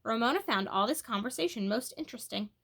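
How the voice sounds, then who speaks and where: A woman reads a children's storybook aloud, expressive and animated in her emphasis. Her voice is bright, husky and a little high, and she talks fast.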